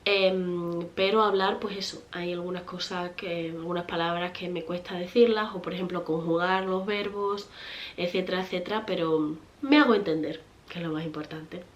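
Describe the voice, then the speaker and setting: Speaking at a moderate pace with a lowish voice and fairly even intonation, this Spanish-accented vlogger and mother in her thirties fields viewer questions. She's chatty and rambling, full of fillers and false starts, and laughs a lot.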